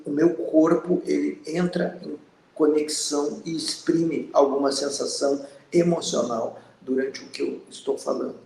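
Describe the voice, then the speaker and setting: A man in his fifties from Brazil, hosting a spiritual channel and giving a slow, earnest, reflective monologue. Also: a little high, gravelly, roomy sound, a little hiss or hum, rough recording. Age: 50s. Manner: slow, pausing, earnest and introspective.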